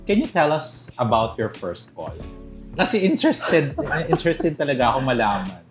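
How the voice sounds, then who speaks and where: Lively male host with animated pitch. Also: moderate pace, over music. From northern Philippines. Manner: lively, reacts with exclamations. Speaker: podcast host. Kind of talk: casual interview chat.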